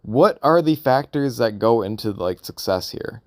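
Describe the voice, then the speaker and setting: Recorded in a clean studio without echo, a man with an expressive mid-range voice makes a casual vlog audio log, musing aloud off the cuff. His delivery is halting and unsure, wandering and circling back to the same questions as he sorts out his ideas.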